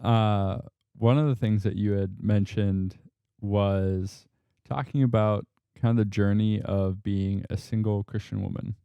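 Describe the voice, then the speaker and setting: Deep, dark-voiced male podcast host. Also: fairly even intonation, a little slow, gravelly, clean tone, no room sound, lo-fi sound. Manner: teasing, joking asides. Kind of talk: casual family podcast interviewing.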